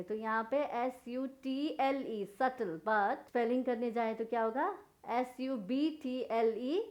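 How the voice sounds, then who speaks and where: Woman, slow, patient lesson, fairly high voice, spells letter by letter. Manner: spells words letter by letter and asks then answers her own questions. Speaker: English teacher.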